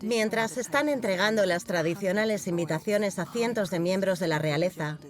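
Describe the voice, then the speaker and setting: Female documentary narrator, measured and even, mid-pitched. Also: faint music behind.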